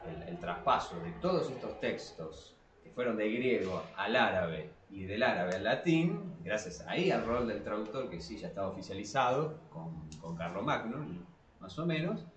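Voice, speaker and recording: A man with an Argentine Spanish accent hosts a casual podcast debate, explaining things informally in a rambling way and correcting himself as he goes. His voice is lowish, with big pitch swings at a normal speed. The recording is echoey, in a reverberant room.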